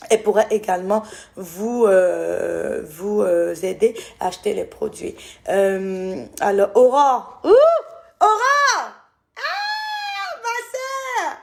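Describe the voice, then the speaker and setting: Speaking at a measured pace, this woman has a gravelly, warm mid-range voice and an Ivorian French accent. She runs her skincare brand and chats through a relaxed live-stream Q&A, calling viewers "my loves." Now and then she loses track and corrects herself.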